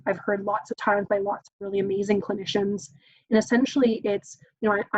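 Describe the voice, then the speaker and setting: A woman presents a parenting workshop in a relaxed, conversational teaching style, regularly acting out parent-child dialogue and saying "um" often. Her mid-range voice is a little mellow, and the recording is muffled with no echo.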